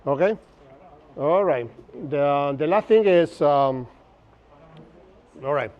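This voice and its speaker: A man in his fifties from Buenos Aires, a Spanish speaker with an Argentine accent, teaches a workshop from an open-sided outdoor pavilion. His fairly high voice is expressive and unhurried, though the recording sounds muffled. As the instructor he keeps things chatty and jokey, often checking in with the audience.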